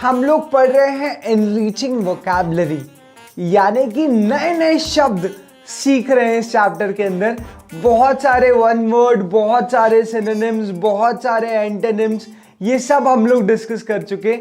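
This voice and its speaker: A male teacher giving a recorded exam-prep lesson. He is friendly, calls his viewers brothers and friends, and drags out example words slowly to show their syllables. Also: very high-pitched, a little mellow, faint music behind.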